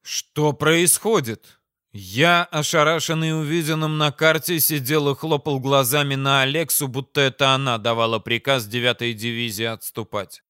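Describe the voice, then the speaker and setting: A man narrating a science fiction audiobook in an even storytelling manner. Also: medium pitch, moderate pace, hardly any pauses, smooth, dry recording, clean studio sound. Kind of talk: scripted narration.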